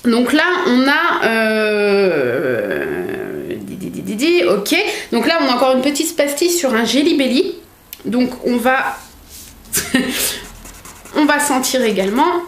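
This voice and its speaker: Chatty excitable young woman vlogger. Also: fairly high pitch, unhurried. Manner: chatty, excitable, many fillers. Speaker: book vlogger. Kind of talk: casual unboxing chat. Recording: echoey room.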